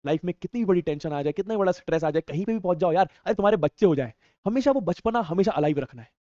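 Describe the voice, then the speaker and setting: High, fast-talking playful man. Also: animated, mellow, no room sound. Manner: playful, teasing and slangy. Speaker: online class teacher. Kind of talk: casual live chat reading viewer comments. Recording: dull, dry sound.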